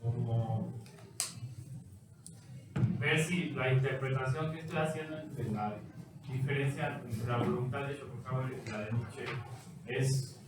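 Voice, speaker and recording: A man's voice: medium pitch, fairly even intonation. Distant echoey male student. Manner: measured, tentative phrasing. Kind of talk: class question. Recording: distant, very echoey, noisy mic.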